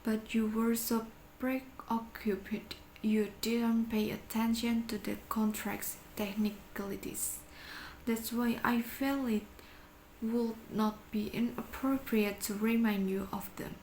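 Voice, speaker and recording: A woman playing a cold, insistent male bank clerk and blackmailing moneylender in a deliberate, stagey dramatic reading. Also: on the high side, little pitch movement, a little mellow. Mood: coldly probing. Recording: echoey room with faint background noise.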